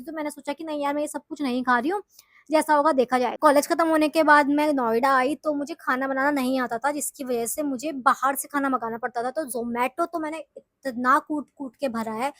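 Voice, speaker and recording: A woman's voice: sits high, fairly bright tone, no echo, clean studio sound. A young woman from the hills of northern India telling her story to viewers in a chatty, confessional way. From Uttarakhand hills, India. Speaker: vlogger. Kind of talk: casual storytelling to camera.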